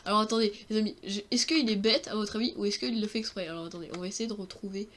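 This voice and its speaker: High-voiced young man, joking gameplay commentary. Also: steady tone, very fast, a bit bright. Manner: joking, self-mocking, exclamatory. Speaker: gaming streamer. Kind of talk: let's-play commentary.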